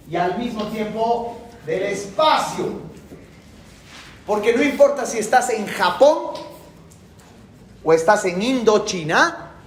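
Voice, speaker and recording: Man, middle-aged, high voice, colloquial and emphatic, roomy classroom echo. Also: slight background noise. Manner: colloquial, emphatic, repeats key phrases. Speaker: university lecturer. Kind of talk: classroom lecture.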